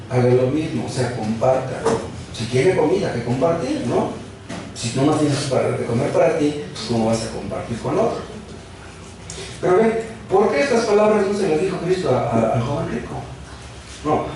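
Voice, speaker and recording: A man's voice: on the high side, mellow, a little hiss or hum. A man preaching a sermon as pastor, asking the congregation rhetorical questions and acting out quoted speech. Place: church hall. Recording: roomy church sound from a distant mic.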